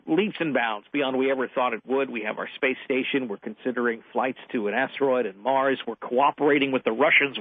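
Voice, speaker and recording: A man's voice: a little high, no echo. Reflective man reporting over a phone line. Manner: reflective, halting with many restarts. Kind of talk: radio call-in commentary.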